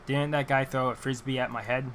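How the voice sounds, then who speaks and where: Halting man reading over fan noise. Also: mid-range voice. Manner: halting read-aloud, stumbles and rereads words. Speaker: video game let's player reading aloud. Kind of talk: reading visual novel dialogue aloud. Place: hot bedroom with a fan running. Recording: steady fan noise in room. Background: whirring fan.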